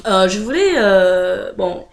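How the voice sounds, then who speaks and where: A woman's voice: mid-range voice, big pitch swings, takes it slowly, creaky. Chatty French woman vlogging to camera. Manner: chatty, hesitant with many fillers, laughs often. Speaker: video blogger. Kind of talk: casual direct-to-camera chat.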